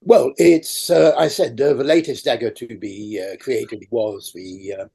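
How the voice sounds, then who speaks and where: An older man raised in France, a native French speaker, answers questions as an awards chair in a conversational interview over a video call, rambling and using many fillers. His mid-range voice is dark and husky with vocal fry, delivered unhurriedly with fairly even intonation.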